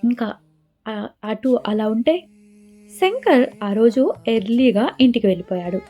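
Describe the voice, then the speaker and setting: A woman narrating a romance audio story in a steady, dramatic storytelling manner. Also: a little high, measured pace. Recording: dull lo-fi with faint music.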